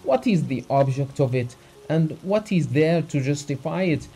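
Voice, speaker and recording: A man's voice: on the high side, animated, moderate pace, dark tone, breathy edge, voice pushed up. A man voicing a distraught, tearful nobleman pouring out his heartbreak in an audiobook reading. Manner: raised, pleading, emotional.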